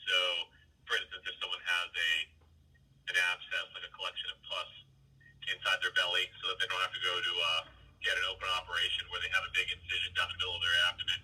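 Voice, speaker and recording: Man, on speakerphone from a car, distant, husky, explains patiently, restarts often. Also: low voice, bright, forceful tone. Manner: explains patiently in plain terms, with frequent restarts. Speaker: physician interviewee. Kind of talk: casual phone interview. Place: car, while driving. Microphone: phone speakerphone.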